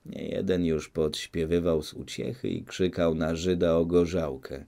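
A man narrating a classic novel as an audiobook, in a steady, measured reading. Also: sits low, creaky.

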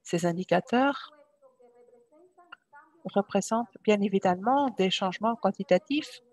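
A woman from Cuba giving a formal, measured talk as a panel speaker. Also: mid-range voice.

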